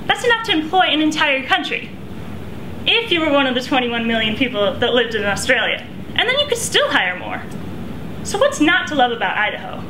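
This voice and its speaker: A woman's voice: high-pitched, sing-song, a little fast. A woman with an American accent delivers a memorized contest speech in a stiff, rehearsed, declamatory way. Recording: echoey room with clear background noise.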